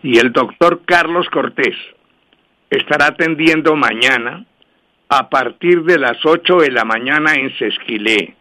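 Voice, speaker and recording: A man's voice: medium pitch, sharp tone. Man hosting a radio numbers show. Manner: brisk, repetitive, slows down to spell out numbers. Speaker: radio host and numerologist. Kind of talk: radio call-in show, dictating lucky numbers.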